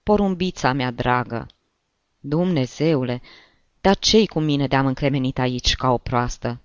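A man's voice: medium pitch, expressive, clean tone, no room sound, highs cut off, natural voice. A man voicing a plump, tearful middle-aged woman who gushes in exclamations, in an audiobook reading. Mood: gushing.

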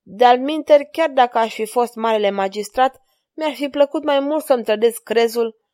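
A woman's voice: on the high side, natural voice. Woman voicing a flirtatious courtly king. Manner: courtly, flattering. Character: gallant amorous male king, courtly and flirtatious.

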